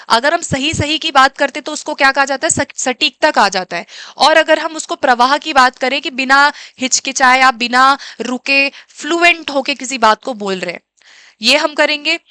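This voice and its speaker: A woman teacher giving an exam-prep lesson, who asks questions and answers them herself and reads English questions out slowly. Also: sits high, bright, forceful tone, no echo. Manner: switches between Hindi and English terms, reads English questions slowly.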